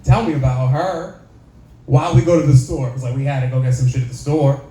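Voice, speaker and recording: A man doing a stand-up set, telling a story with laid-back, deadpan punchlines. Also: mid-range voice, fairly quick. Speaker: stand-up comedian. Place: comedy club stage. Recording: echoey club room.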